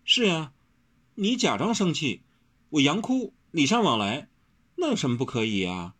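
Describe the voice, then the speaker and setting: A man voicing a playful, teasing young woman in a storybook, with his voice raised high. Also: sing-song, normal speed, fairly bright tone. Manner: teasing, raised falsetto-like pitch. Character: playful teasing young heroine, quick-witted.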